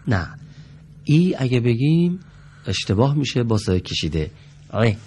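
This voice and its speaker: A man teaching Quranic pronunciation on a studio TV lesson, speaking slowly and carefully and drawing out sounds to demonstrate them. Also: medium pitch, very animated, a little mellow, a little hiss or hum. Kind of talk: TV recitation lesson.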